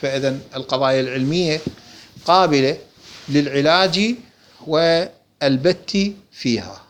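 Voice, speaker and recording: In a measured, somewhat high voice, an Iraqi-accented religious teacher explains a book during a lesson, asking rhetorical questions and supplying his own answers. There is slight background noise.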